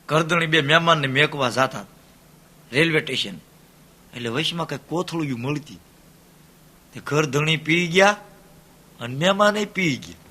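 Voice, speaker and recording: A man with a Saurashtra Gujarati accent spins comic folk tales in a strikingly bright, sharp voice that sits a little high. He repeats lines in a storyteller's rhythm and quotes each character's words. Faint music plays behind him. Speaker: folk storyteller and dayro performer.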